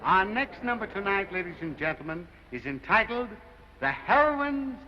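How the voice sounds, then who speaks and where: An actor playing a sentimental nightclub master of ceremonies, announcing in a grandiose, theatrical, mock-tender way in a 1930s film. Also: male voice, high voice, very animated, moderate pace, big-room sound, highs cut off. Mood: showy, jovial. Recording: hollow, noisy 1930s film soundtrack.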